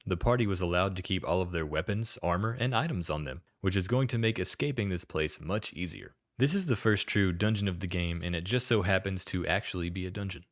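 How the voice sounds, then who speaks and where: A man with a very low voice narrates a scripted video-game retrospective. He slips in dry, sardonic asides. The sound is close-miked and completely dry. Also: no echo.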